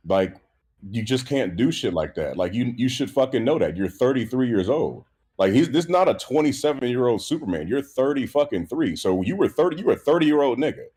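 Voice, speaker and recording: A man co-hosting a podcast in casual chat, ranting in an animated, profane way with lots of restarts. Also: medium pitch, husky. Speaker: podcast co-host.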